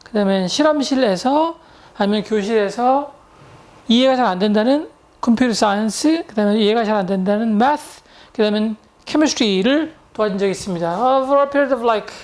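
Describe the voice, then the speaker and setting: Chatty woman telling stories, fairly high voice. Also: moderate pace, a little mellow. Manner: chatty anecdotes with English words mixed in. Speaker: English tutor and lecturer. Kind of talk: storytelling lecture to viewers.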